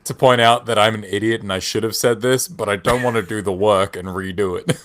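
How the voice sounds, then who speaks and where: A man's voice: lowish voice, steady tone, a little fast, fairly bright tone. A man with a cold and a whiny voice, co-hosting a casual podcast chat, laid-back and sardonic, swearing often. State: has a cold. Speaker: podcast co-host.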